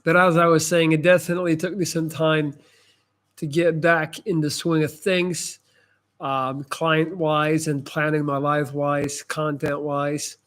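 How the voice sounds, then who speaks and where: A Belgian man, a native Dutch speaker with an American-sounding accent, hosts a livestream giving advice and answering comments in casual live chat. His voice is a little high and a bit bright, with little pitch movement and a slightly slow pace. He's informal and emphatic, dropping slangy asides.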